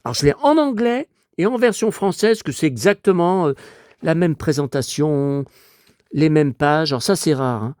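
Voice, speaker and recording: Hoarse, chatty man in his fifties. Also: fairly high pitch, lively intonation, moderate pace, a little mellow, no echo, clean studio sound. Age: 50s. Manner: chatty and nostalgic, rambling with frequent asides. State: hoarse from a cold. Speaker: collector showing his memorabilia. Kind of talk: casual collection show-and-tell.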